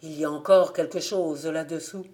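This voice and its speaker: A woman's voice: low voice, steady tone, normal speed, a little mellow, lightly acted. A woman voicing an old village gravedigger in an audiobook, anxious and pleading. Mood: whispering urgently.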